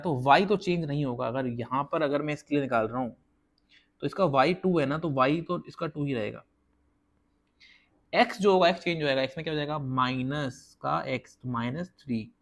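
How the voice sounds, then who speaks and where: A man teaching a casual whiteboard math lesson, explaining step by step and often checking that viewers follow. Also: a little high. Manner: counts slowly while drawing.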